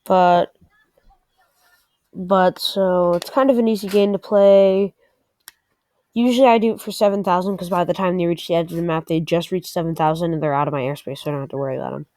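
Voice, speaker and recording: This presenter talks through a game in a relaxed screen recording, reasoning out loud with slight hesitation. She has a fairly low, steady, darkish voice, speaks briskly, and the recording is dry.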